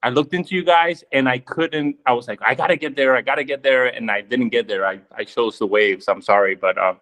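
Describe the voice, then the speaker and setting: A man's voice: mid-range voice, fairly quick, fairly bright tone. A man from Chile asking a question on a video call, laid-back and rambling, with lots of fillers. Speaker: caller.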